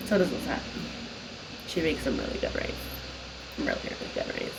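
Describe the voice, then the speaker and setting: A woman's voice: low-pitched, huge pitch swings, moderate pace, creaky, noisy background. A woman co-hosting a casual chat at home, blunt and slangy, swearing freely. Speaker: co-host.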